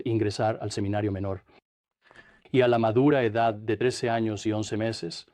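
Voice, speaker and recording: An older man from New Jersey, a priest and interview guest, recounting his life in a measured, reflective way. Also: fairly low pitch, a little mellow, dry recording. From Trenton, New Jersey, USA. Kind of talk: studio interview, dubbed.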